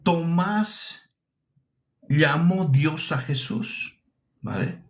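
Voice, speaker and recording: A man's voice: on the high side, expressive, extremely slow. A man from preaching a teaching sermon, emphatic, asking rhetorical questions and repeating his phrases.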